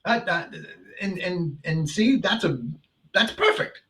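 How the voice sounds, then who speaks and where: A man's voice: high-pitched, lively intonation, takes it slowly, pushed and bright, a little hiss or hum. A man hosting a casual interview, often repeating and restarting his words. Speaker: host.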